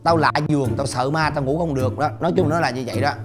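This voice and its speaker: A man's voice: fairly high pitch, fairly even intonation, quick pace, close to an everyday voice. An actor playing an awkward, overly polite young man who can't sleep, explaining himself in hesitant, rambling sentences. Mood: sheepish. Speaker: friend who calls at midnight. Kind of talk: scripted comedy sketch acting. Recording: music score under dialogue.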